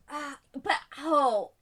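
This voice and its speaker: A woman's voice: sits high, fairly bright tone. Giggly woman telling history casually. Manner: playful, giggly, chatty. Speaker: podcast co-host. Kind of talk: casual comedic storytelling.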